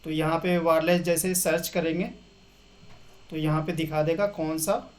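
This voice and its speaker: A man's voice: on the high side, level tone, normal speed. A young man hosting a casual step-by-step tech tutorial, walking viewers through settings and dropping English terms into his explanations. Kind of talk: casual screen-share tutorial.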